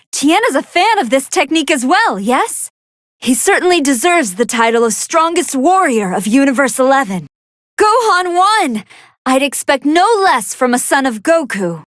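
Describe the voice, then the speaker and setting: A woman voicing a gentle, earnest young female android scientist who gives polite, precise fight commentary in a video game. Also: high-pitched, dry recording, clean studio sound, full character voice. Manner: polite, precise, analytical, expressive. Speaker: match commentator.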